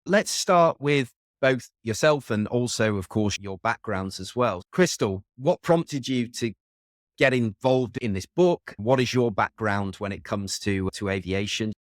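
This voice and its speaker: A man's voice: fairly low pitch, expressive, a little slow, no room sound, clean studio sound. A man hosting a podcast interview, welcoming and upbeat as he introduces his guests. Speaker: podcast host.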